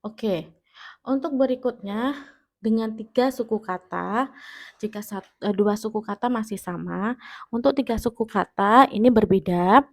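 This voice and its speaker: A woman's voice: on the high side, unhurried. A woman teacher with an Indonesian accent giving a grammar lesson, explaining step by step and checking that students understand. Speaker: English teacher. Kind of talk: classroom-style grammar lesson.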